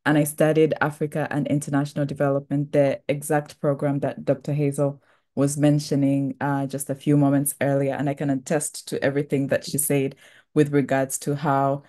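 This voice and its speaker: A young woman from Tanzania presenting a scholarship program in a webinar, speaking in a measured way with frequent "um" and "uh" fillers. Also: very deep voice, monotone, dark tone.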